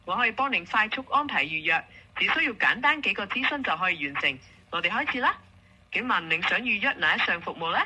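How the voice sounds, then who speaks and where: Hong kong cantonese lady booking bot, super bright crisp-edged tone, bit husky, polite scripted service talk. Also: mid-range voice, expressive, fast, poor audio. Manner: polite, formulaic. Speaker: automated salon booking assistant.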